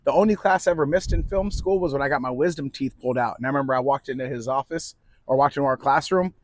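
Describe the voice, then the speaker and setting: A man's voice: mid-range voice, fast talker, no room sound. A man hosting a casual podcast chat outdoors, talking with a slight lisp and a mouth numb from the dentist. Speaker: podcast host. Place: outdoors on a waterfront boardwalk.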